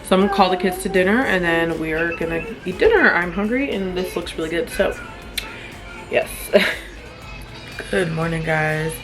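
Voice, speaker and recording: A tired young single mom narrates a casual vlog about her weekend, yawning as she goes. Her voice sits on the low side and moves briskly, and she rambles chattily with small self-deprecating laughs while music plays underneath.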